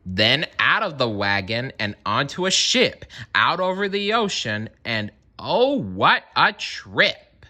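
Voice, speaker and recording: Male children's storyteller: slow, very lively intonation, expressive, dramatic emphasis. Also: medium pitch. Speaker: storybook reader. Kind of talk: expressive children's read-aloud narration with asides.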